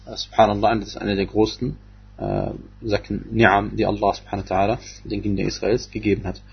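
A man's voice: lowish voice, animated, brisk, gravelly, slightly rough, muffled recording. A man giving a religious lecture on scripture, speaking hesitantly with many fillers and restarts. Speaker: Quran exegesis teacher.

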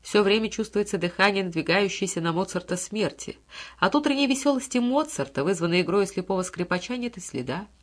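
Measured, expressive woman narrating an audiobook. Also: mid-range voice.

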